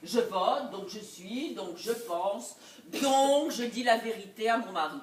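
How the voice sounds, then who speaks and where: An actress playing a scheming, vengeful jilted wife in a live stage comedy, laughing and swinging between loud outbursts and low asides. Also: female voice, lively intonation, unhurried. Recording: echoey stage recorded from far off.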